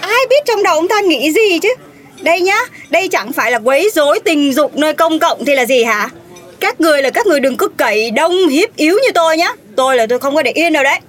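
A woman's voice: lively intonation, quick pace, a bit bright. A woman voicing a brash, melodramatic young woman who wails and blusters in a comedic audio drama. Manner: shrill, theatrical, wailing.

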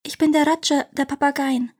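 A woman voicing a proud male parrot king in a storybook reading, talking high and quick. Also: fairly even intonation, a little mellow, lightly acted. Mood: eager.

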